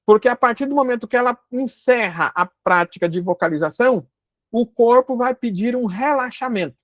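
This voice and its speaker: A woman giving a calm spoken lesson, explaining step by step with frequent fillers and restarts. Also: a little high, moderate pace, no room sound. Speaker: instructor.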